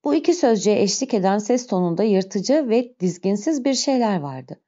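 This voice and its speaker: A woman reading a classic novel aloud with steady, expressive storytelling. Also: mid-range voice, normal speed. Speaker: audiobook narrator. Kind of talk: dramatic literary narration. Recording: slightly muffled recording.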